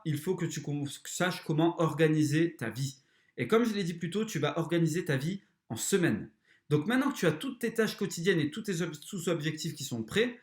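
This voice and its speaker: A man's voice: a little high, roomy sound. A man hosting a motivational self-help podcast, talking bluntly and crudely straight to the listener. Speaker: podcast host.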